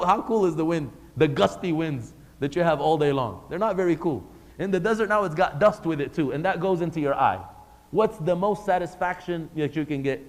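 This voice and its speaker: A man giving a religious lesson to a live class, speaking conversationally and putting questions to the audience. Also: on the high side. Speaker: religious teacher. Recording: long hall reverb.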